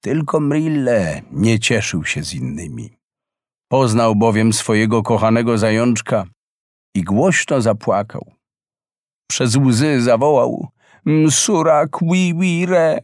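A man narrating a fairy tale in an expressive, unhurried reading. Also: fairly low pitch, dry recording, clean studio sound. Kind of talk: storybook narration.

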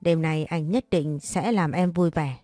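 A man's voice: a little high, a little slow, dark tone, no echo, studio quality, close to an everyday voice. A woman reading a smug, pushy young man. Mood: coaxing. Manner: coaxing, insinuating.

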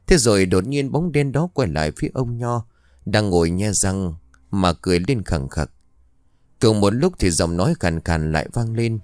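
A man narrating a ghost story in a steady storytelling manner. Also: sits low, dry recording, clean studio sound. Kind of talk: scripted horror narration.

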